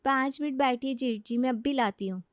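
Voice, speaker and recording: A woman's voice: high-pitched, fairly quick, no echo, studio quality, voice pushed up, lightly acted. Woman voicing a sleepy, carefree young bride. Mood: breezy, carefree.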